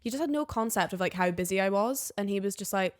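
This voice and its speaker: A woman's voice: medium pitch, expressive, fast talker. A woman in her twenties chats candidly on a podcast. She tells her stories openly and acts out the lines she once said. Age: 20s. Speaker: podcast guest. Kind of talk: casual chat.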